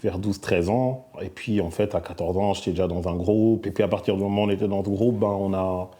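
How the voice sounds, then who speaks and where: Belgian-raised guy, middle-aged, kinda low voice, really dark and mellow, lots of hesitating. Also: fairly even intonation, a little fast. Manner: soft-spoken, hesitant with many fillers. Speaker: musician guest. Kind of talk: casual interview answers.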